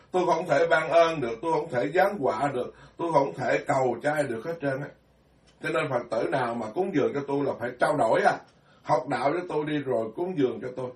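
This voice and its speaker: Blunt monk preaching. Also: male voice, fairly high pitch. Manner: blunt, scolding, self-deprecating. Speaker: Buddhist monk. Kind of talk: sermon. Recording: echoey room, far from mic.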